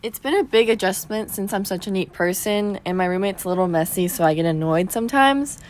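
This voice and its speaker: A woman's voice: mid-range voice, fairly quick. A young college woman from Texas answering interview questions plainly and matter-of-factly. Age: young adult.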